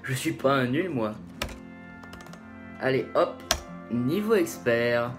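Young man, YouTuber playing himself in a comic sketch, mid-pitched, music in the mix. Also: expressive, slow, reverberant. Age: young adult. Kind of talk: acted comic vlog sketch. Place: small student bedroom.

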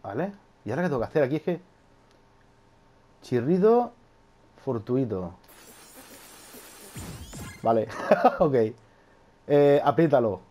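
A man giving casual, excitable gameplay commentary, laughing often and swearing casually. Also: mid-range voice, slow, long pauses, dull audio, a little hiss or hum. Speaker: gaming youtuber.

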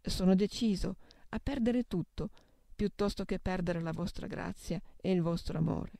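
A woman reading devotional meditations aloud in a solemn, steady way, naming scripture references as she goes. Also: on the low side, moderate pace, vocal fry, dry recording, studio quality. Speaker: reader of devotional texts.

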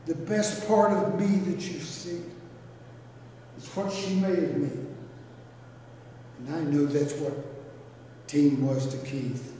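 Slow, muffled pastor, distant and echoing. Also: male voice, on the high side, flat delivery, dark tone. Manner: folksy, plain-spoken, unhurried with long pauses. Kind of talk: graveside funeral eulogy and sermon. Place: outdoor graveside service, recorded from a distance. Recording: echoey, noisy, captured from far off.

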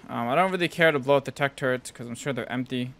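A man's voice: medium pitch, fast talker, fairly bright tone. A young man giving casual gameplay commentary in slangy, sweary frat-bro talk. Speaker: gaming video host.

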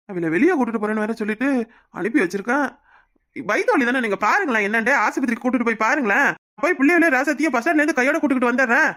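A woman's voice: fairly high pitch, fairly bright tone, close to an everyday voice. A woman voicing a grown son in a cartoon comedy, who is torn between his mother and his wife and tries to placate them. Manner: hedging, placating.

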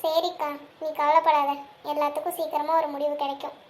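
A woman's voice: high-pitched, level tone, brisk, lightly acted. A woman voicing a cheerful, teasing young woman who comforts her older sister, in a cartoon. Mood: concerned. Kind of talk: cartoon voice acting.

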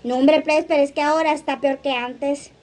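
Livestream host, woman, high voice, gossipy and playful. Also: steady tone, normal speed, a little mellow. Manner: chatty, laughs often, reads comments aloud. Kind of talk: casual livestream chat reading comments.

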